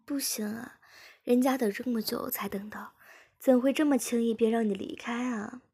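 Woman reading as a playful submissive young woman, breathy and husky, a little gravelly, soft and coaxing. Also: mid-range voice, measured pace.

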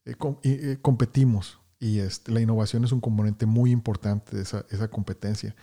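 A podcast host from Houston, Texas, greets listeners energetically and often repeats words while conducting an interview. His voice is on the low side and warm, with fairly even intonation and a slightly quick pace.

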